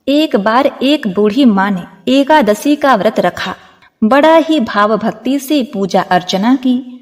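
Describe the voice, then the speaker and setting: A woman narrating a devotional story, speaking to listeners as devotees in a gentle, steady telling. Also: a little high, in a large hall.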